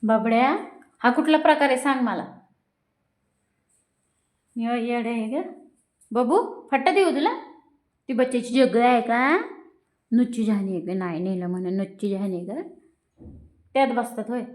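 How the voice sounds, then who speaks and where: A woman talking to her pet cat at home in a high, teasing baby-talk voice, scolding it playfully. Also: normal speed, long pauses, a little mellow. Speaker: pet owner. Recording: echoey room.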